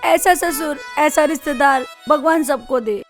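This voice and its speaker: A woman's voice: sits high, unhurried, over music. An earnest Haryanvi mother. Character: mother of the bride, earnest and grateful.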